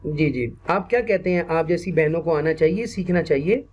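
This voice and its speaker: High-voiced Pakistani man teaching teachers. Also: expressive, over a noisy crowd. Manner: patient, repeats words slowly for drilling; mixes English phrases into speech, asks "ठीक है ना" often. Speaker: teacher trainer. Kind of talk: online teacher-training lecture.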